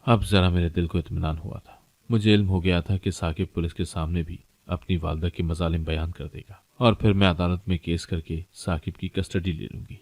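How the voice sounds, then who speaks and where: Deep-voiced male storyteller. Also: fairly even intonation, hardly any pauses, a little mellow, no room sound. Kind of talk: scripted narration of a moral story.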